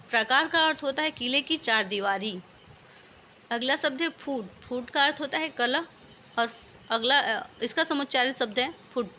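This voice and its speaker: A woman's voice: sits high, bright, forceful tone, slight background noise. A woman teaching a vocabulary lesson, patiently explaining one word after another.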